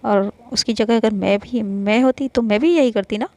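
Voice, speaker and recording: A blunt young woman friend who scolds and frets, as a woman storyteller puts her on. Her voice is raised high and carries a gravelly crackle. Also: moderate pace, warm tone, no room sound, lightly acted. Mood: scolding. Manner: scolding, nervous.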